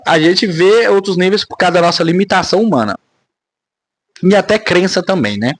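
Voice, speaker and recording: A man's voice: high voice, animated, normal speed, no echo. A man, talking casually to camera in a rambling vlog monologue, often ending phrases with tag questions. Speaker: spiritual vlogger.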